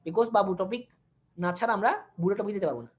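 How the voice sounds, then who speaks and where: A woman's voice: medium pitch, rapid-fire, soft background music. A woman teaching an online anatomy class, switching between languages for technical terms, repeating key words and quizzing her listeners. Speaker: anatomy lecturer.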